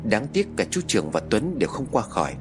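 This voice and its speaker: A man narrating a ghost story in a dramatic, expressive manner. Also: on the low side, fast talker, music in the background.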